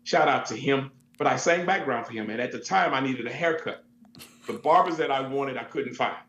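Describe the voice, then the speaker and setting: A man who works as a DJ and MC, telling stories in a relaxed, expressive way during an interview. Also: mid-range voice, a little fast. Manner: easygoing, expressive, laughs while telling stories. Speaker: DJ and MC, event entertainer. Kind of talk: casual interview storytelling. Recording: echoey, dull lo-fi sound with faint hum.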